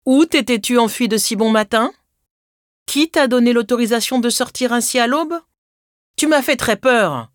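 A woman's voice: fairly low pitch, animated, moderate pace, hardly any pauses, no room sound, clean studio sound. A woman voicing a stern, worried mother queen in a storybook, scolding firmly with a raised voice.

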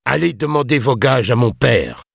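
A man's voice: medium pitch, expressive, normal speed, gravelly, husky, no echo, clean studio sound, voice pushed up, heavily acted. A man reading an audiobook, voicing an arrogant, hot-tempered young lord in his twenties who gives orders and threatens. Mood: furious. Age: 20s. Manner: haughty, commanding, menacing. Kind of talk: audiobook character voice.

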